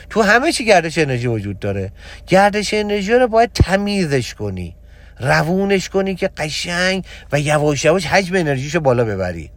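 A man giving a religious motivational talk as a spiritual teacher, hammering points with repetition and swinging between loud exhortation and a low, confiding tone.

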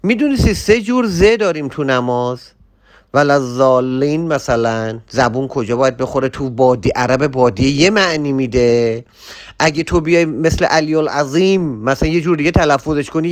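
A man's voice: on the high side, dry recording. A man giving an informal religious talk, admonishing and addressing the listener directly. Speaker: religious speaker.

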